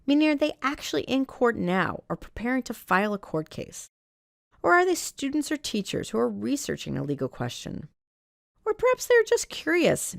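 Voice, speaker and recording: A woman giving a scripted training narration for librarians, reading do's and don'ts in a measured, instructional way. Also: medium pitch, vocal fry, no echo, clean studio sound.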